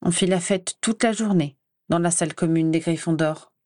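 A woman reading fan fiction aloud in a steady, expressive storytelling manner. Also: lowish voice, normal speed, a little hiss or hum. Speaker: story reader.

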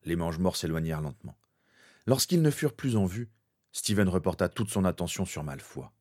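A man narrating a fan fiction story in a steady, dramatic way. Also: low-pitched, brisk.

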